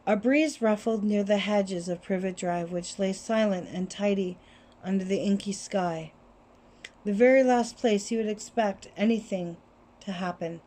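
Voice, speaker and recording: A woman reading a children's novel aloud in a steady, expressive way, recorded on a cell phone. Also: mid-range voice. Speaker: reader. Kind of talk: storybook reading.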